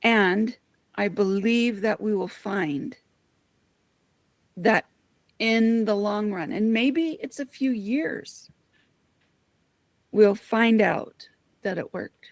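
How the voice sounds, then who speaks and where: Woman host, slow earnest spiritual talk, kinda gravelly, dry close sound. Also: medium pitch, dry recording. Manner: earnest, heartfelt storytelling; addresses listeners as friends.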